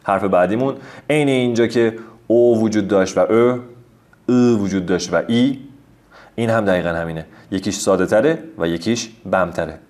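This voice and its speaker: A man giving a recorded language lesson over slides, patiently spelling out letters and sounding out words slowly. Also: on the low side, darkish tone. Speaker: language teacher.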